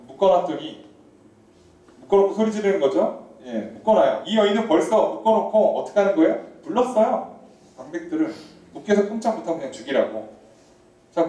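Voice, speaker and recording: Male pastor, mellow voice, preaching from across an echoey church hall. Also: sits high, far from the mic. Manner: animated, conversational preaching with questions to the congregation. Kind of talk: sermon. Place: church sanctuary.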